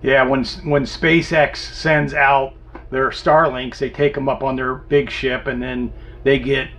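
A man in his fifties co-hosting a casual RV travel vlog from inside the camper, easygoing and explanatory, often trailing off quietly. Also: mid-range voice, little pitch movement, unhurried. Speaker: RV vlog co-host. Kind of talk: casual chat. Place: inside an RV, seated at table. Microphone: camera a few feet away. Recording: dull sound with faint background hiss.

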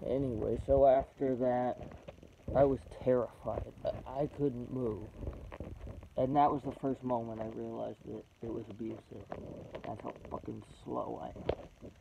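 A man's voice: steady tone, vocal fry. Young man in his twenties, raw personal testimony, blunt with heavy swearing, dull lo-fi recording with a hiss behind him. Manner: blunt, halting, swearing, emotional. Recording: dull low-fi recording with background noise.

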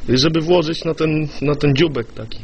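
A man's voice: on the high side, moderate pace, darkish tone. A man on a phone call, politely and patiently explaining things as a supposed expert. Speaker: prank caller posing as an expert. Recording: noisy phone call recording.

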